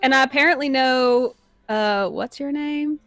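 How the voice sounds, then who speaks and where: A woman at a tabletop game table describes her character. Her talk is chirpy and rambling and thick with fillers. Her voice is slightly high, and the sound is dry and close. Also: unhurried, a bit bright, no echo. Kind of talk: casual role-play character description.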